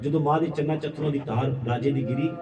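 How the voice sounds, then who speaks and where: A man's voice: on the high side, fairly even intonation, fast talker. A man with a Punjabi accent telling a devotional story to a gathering, emotive and repeating refrains to the crowd. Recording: echoey hall, distant dull mic, crowd.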